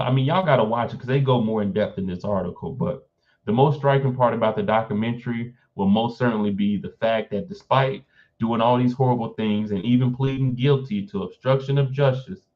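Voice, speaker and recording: A man's voice: mid-range voice, lo-fi sound. A man hosting a casual live stream, reading an article aloud and breaking off to react with blunt, informal asides.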